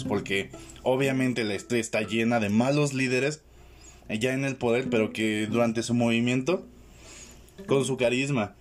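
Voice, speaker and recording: A man in a casual film discussion, reflecting on the wider meaning of what they watched. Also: medium pitch. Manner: reflective, draws broader lessons.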